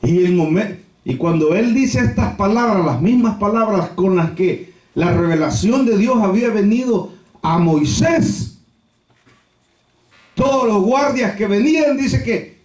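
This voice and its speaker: Animated male pastor preaching in a church. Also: high voice. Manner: animated storytelling, rhetorical repetitions. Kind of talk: sermon. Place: church sanctuary. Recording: echoey church from a distance.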